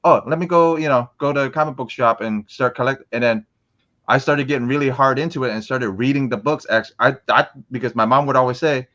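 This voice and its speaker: A young adult man from Florida, a comic collector appearing as a guest in a casual interview, rambles with plenty of fillers and restarts. His medium-pitched, fairly bright voice moves a little fast, and the audio is dull.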